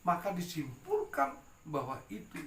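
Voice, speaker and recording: A man telling a story with humor in a sermon, animated and joking. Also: high-pitched, a little slow. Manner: animated and joking, mixing in local slang. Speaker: preacher. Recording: echoey room with faint noise.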